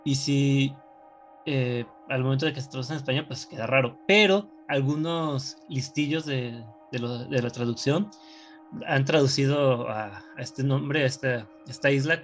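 A man's voice: medium pitch, moderate pace, soft background music. A man in casual chat, explaining a film in a joking, rambling way. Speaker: podcast co-host.

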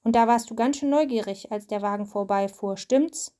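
A woman's voice: fairly high pitch, normal speed, dark tone, natural voice. A woman voicing a kind, decisive young princess while reading a storybook aloud to a child. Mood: caring.

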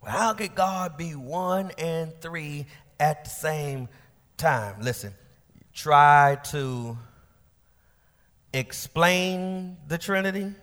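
A man preaching a sermon as pastor, swinging from shouted peaks to quiet asides with casual turns of phrase. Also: on the high side, extremely slow, pauses often. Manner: colloquial asides. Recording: long church hall reverb.

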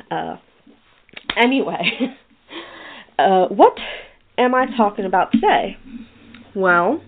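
A woman hosting a podcast, chatting casually and rambling with many restarts. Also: on the low side. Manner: rambling, with frequent restarts and fillers. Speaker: podcast host. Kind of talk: casual chat. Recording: tinny phone-like sound.

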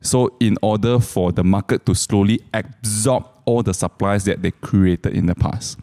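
Low, mellow Malaysian man, colloquial English. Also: moderate pace. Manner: colloquial Malaysian English with lah, lor and leh particles. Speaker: co-host commentator. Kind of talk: casual explanatory market chat.

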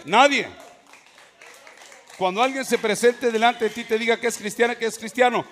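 A male pastor delivers an emphatic sermon, his fairly high voice jumping between soft passages and forceful bursts. He preaches in a church hall whose long reverb trails after each phrase. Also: moderate pace, over music, crowd noise. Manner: emphatic preaching with sudden swings in loudness.

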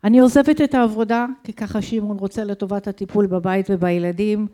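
A woman's voice: medium pitch, fairly even intonation, warm tone. A middle-aged woman from Israel, telling her own life story in an intense, emotional way and asking herself questions. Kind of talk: dramatic personal storytelling.

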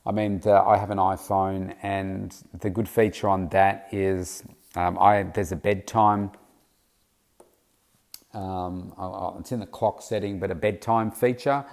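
A man's voice: deep voice, flat delivery, unhurried, vocal fry, darkish tone. A middle-aged man hosting his own podcast, talking casually on his own with lots of fillers and restarts, and he has the hiccups. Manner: rambling, with many fillers and restarts. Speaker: podcast host. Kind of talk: casual solo monologue.

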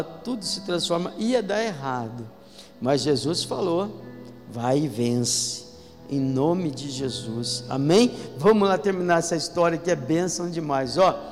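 A man with a Brazilian Portuguese accent preaching a sermon as pastor, emphatic and calling out to the congregation. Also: on the high side. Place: church hall. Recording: echoey hall with faint music.

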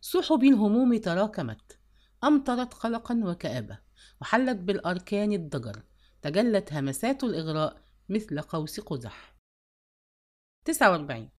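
Woman narrating an audiobook, lively pitch. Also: brisk, pauses often.

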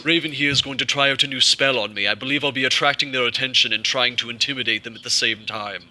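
A man playing an earnest armored warrior in cursed armor, speaking in a measured, polite way in character. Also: mid-range voice, fairly even intonation, pushed and bright.

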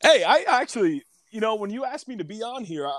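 A man's voice: high-pitched, big pitch swings, fast talker, fairly bright tone, dry recording. A man chatting casually as a guest on a podcast. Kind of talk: casual chat.

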